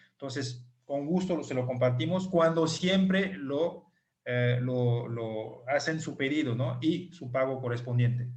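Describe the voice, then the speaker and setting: A male clinic doctor with a medium-pitched voice, not a native Spanish speaker, explains details patiently on an online group call, slowly repeating numbers.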